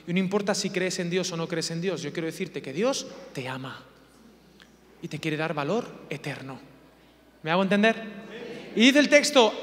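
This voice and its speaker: A man preaches with humor, firing off rhetorical questions. His voice sits high for a man. A long reverb of a church hall trails behind him. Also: fairly bright tone. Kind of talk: sermon.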